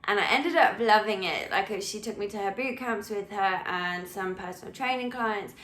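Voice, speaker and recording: A woman's voice: mid-range voice, moderate pace, a bit bright. A young English woman from London, a personal trainer, chatting casually and a little ramblingly to her followers. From England. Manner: chatty, rambling, with frequent ums and laughs. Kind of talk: casual chat to camera. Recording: echoey room.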